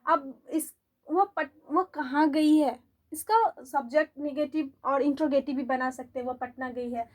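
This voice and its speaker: A woman teaching English grammar in a classroom-style lesson, explaining slowly, repeating examples and asking her students whether they follow. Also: sits high, steady tone, darkish tone.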